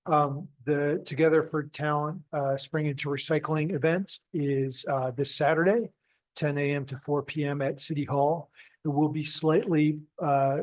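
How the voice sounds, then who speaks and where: Even-toned man, fairly high voice, halting announcements. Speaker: city official giving announcements. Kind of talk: informal public announcements.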